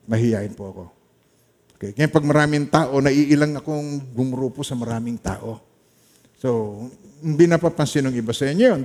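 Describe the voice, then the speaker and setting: Filipino pastor preaching with warm dark tone. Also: male voice, medium pitch. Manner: mixes Tagalog with English, storytelling, soft-spoken asides. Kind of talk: sermon.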